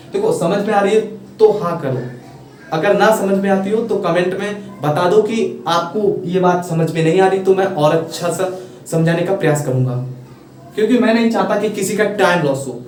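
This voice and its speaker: A man's voice: high-pitched, moderate pace, darkish tone. A man teaching a basic online lesson, explaining patiently and repeating points, with frequent checks that viewers follow. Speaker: English teacher. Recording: echoey room, voice a bit far from mic, faint noise.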